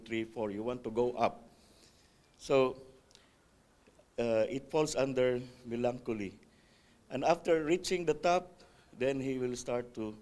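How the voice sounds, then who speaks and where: A man speaking at a church class, reading from a text and breaking off with casual comments and "right?" checks to the group. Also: mid-range voice. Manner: reads a text aloud, adding spontaneous comments and checks like "right?"; occasional hesitations and restarts. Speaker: Sabbath school speaker.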